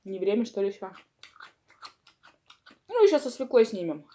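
A woman's voice: medium pitch, very animated, normal speed, dark tone. A woman vlogger chatting casually and rambling while she eats, talking with her mouth full. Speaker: mukbang vlogger. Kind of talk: casual chat while eating.

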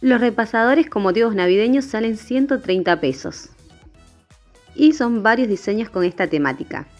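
In a shopping vlog voice-over, a woman narrates with an expressive, slightly high voice at a normal speed. The lo-fi recording sounds dull, with background music playing underneath.

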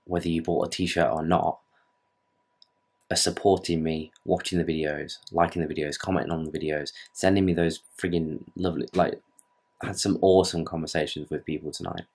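Talking to camera in his bedroom at night, a British fitness vlogger in his twenties rambles earnestly, swearing casually. His voice is deep, husky and darkish, held level and moving a little fast, with a British English accent.

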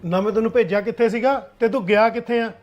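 An actor playing a hot-tempered middle-aged father, scolding his son loudly, with a Punjabi accent. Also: high-pitched, fairly even intonation, quick pace, dull audio, soft background music, lightly acted. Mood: angry. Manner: scolding, shouting. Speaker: angry father. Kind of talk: short drama acting.

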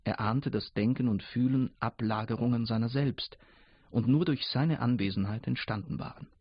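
Male narrator, measured radio reading, husky tone, dry and dull recording. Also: mid-range voice, no room sound. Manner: measured storytelling. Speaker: narrator, actor reading a story.

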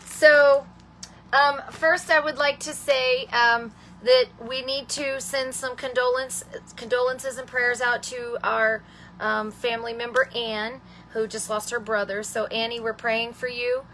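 A woman's voice: a little high, little pitch movement, a little slow, a bit bright, slight background noise. A woman hosting a live stamping tutorial, chatting with viewers, greeting them by name and calling them honey and sweetheart. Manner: rambling, with many ums and restarts. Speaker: host of a live craft stamping show.

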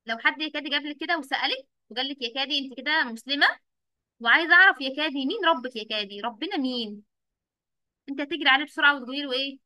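A young woman teacher with an Egyptian accent coaxes small children during an online class, asking questions repeatedly and praising every reply. Her high voice is pushed and bright, and she speaks rapid-fire. There is no echo.

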